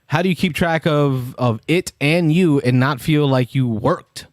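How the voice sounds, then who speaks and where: A man's voice: fairly high pitch, measured pace, no room sound, studio quality. A man hosting a call-in chat, joking easily with his co-host and caller. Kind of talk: casual chat.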